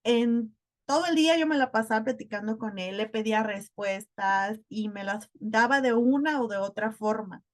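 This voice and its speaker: A woman's voice: a little high, normal speed. A woman, a spiritual podcast guest, earnestly telling a personal story in casual chat.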